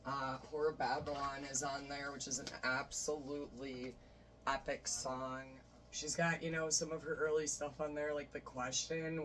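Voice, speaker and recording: A man's voice: medium pitch, fairly bright tone. Man, casual collector vlogger, enthusiastic rambler, sits back from the mic with a light hiss in the room. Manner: rambling, enthusiastic, many fillers. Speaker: vlogger showing a vinyl record collection. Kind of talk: casual chat. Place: bedroom. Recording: voice a bit distant from the mic, faint noise.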